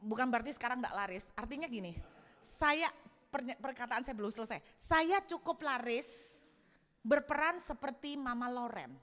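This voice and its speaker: A woman pastor delivers a sermon in a high, bright voice that rings out with a long hall reverb. She tells her stories in an expressive, humorous way. She speaks to a congregation in a church hall. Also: moderate pace.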